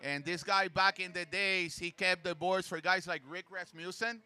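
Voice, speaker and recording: A man's voice: high-pitched, normal speed, bright, forceful tone, smooth. A man from Puerto Rico co-hosting a surf contest, chatting casually and informally between live score calls. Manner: informal, chatty, switches into Spanish for asides. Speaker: local surf contest co-host and announcer. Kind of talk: casual live commentary and chat.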